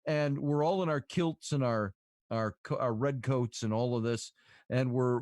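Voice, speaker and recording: Recorded dry in studio quality, a male podcast host with a medium-pitched, slightly mellow voice tells long, rambling stories in a relaxed chat, using lots of fillers.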